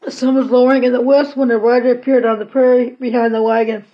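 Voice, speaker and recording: A woman reading a children's novel aloud chapter by chapter, in an unhurried, plain storybook way. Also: on the high side, flat delivery. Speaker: audiobook reader. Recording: slightly dull lo-fi recording.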